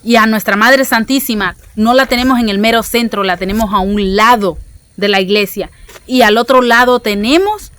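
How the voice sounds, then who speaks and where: A woman's voice: medium pitch, a bit bright. A woman, giving an earnest religious teaching talk, often repeating words and restarting.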